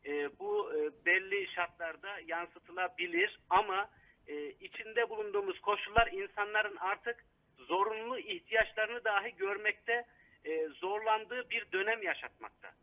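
A man's voice: high voice, unhurried. Man on a tinny phone line. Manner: critical, hesitant with frequent fillers. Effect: over the phone. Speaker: city council member. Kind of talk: live phone interview commentary.

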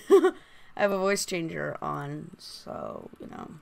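A woman giving casual, rambling gameplay commentary through a voice changer, halting and prone to excited exclamations. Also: mid-range voice, gravelly, a little hiss or hum. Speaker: gaming video host.

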